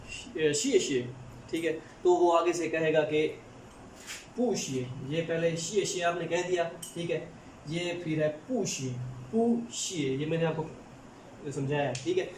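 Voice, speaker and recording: A man with a Pakistani Urdu accent teaching a recorded language lesson, patiently repeating each word slowly, recorded in an echoey room. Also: a little high, a little mellow. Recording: echoey room with faint noise.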